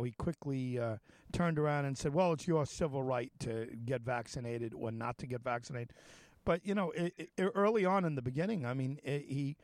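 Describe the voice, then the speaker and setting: A man's voice: fairly high pitch, dry recording. A man hosting a talk show interview, asking long questions full of fillers and restarts. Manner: halting, many fillers and restarts. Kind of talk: casual interview chat.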